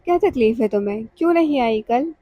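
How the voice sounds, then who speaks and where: A blunt young friend fires off questions in a scolding tone, read out by a woman narrating a novel. The voice is fairly high and mellow. The sound is dry and close. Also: animated, no echo.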